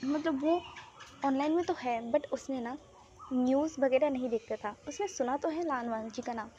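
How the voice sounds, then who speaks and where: A woman tells a fan story in a chatty, casual manner, pausing to comment on the characters. Her voice sits high. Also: dark tone, muffled recording, slight background noise. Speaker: story narrator.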